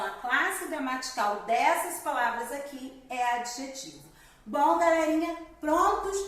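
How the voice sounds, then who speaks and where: Recorded in a very echoey room at home, this grammar lesson comes from a woman primary school teacher whose voice sits high and sounds fairly bright, set back from the mic. She works through things step by step, often checking in with "né?" and "galerinha".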